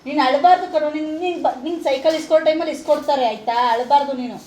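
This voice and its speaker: A woman with a Kannada accent from Kalaburagi, gently coaxing and consoling a crying child in a casual family vlog. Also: sits high, rapid-fire. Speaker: vlogger. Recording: echoey room, faint noise.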